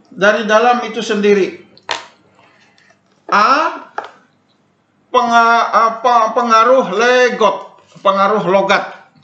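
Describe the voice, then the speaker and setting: An older man giving an informal spoken lecture, repeating his points and filling pauses with "nah" and "eh". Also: very high voice, bright, forceful tone, muffled recording. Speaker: lecturer on Dayak Ngaju language. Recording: echoey room.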